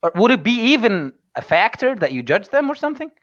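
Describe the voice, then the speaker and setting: A man's voice: sits high, big pitch swings, fast talker, a bit bright, no echo, highs cut off. A man from Egypt whose first language is Arabic, hosting and asking questions in English, hesitant and searching for words. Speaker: host and English instructor. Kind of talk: interview questions.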